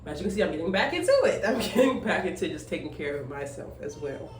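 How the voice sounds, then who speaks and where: Speaking quickly in a low, sing-song voice, a young single mother of twenty-five chats on her vlog while grooming at home, rambling with frequent fillers and emphatic asides. It's recorded in an echoey room with her voice off-mic and faint noise.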